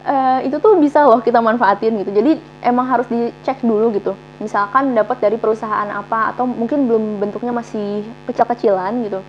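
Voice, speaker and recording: A woman's voice: a little high, a little fast, few pauses. A young woman chatting as a guest, easygoing and full of fillers, with muffled sound. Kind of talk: casual chat. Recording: dull muffled sound, faint hum.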